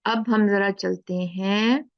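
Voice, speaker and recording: A woman teaches Quran recitation in an unhurried, deliberate way, stretching each sound she demonstrates. Her voice carries a gravelly edge. The recording is dry and a little dull. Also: medium pitch, fairly even intonation, no room sound. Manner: slow, drawn-out demonstration of letter sounds. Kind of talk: explaining a lesson.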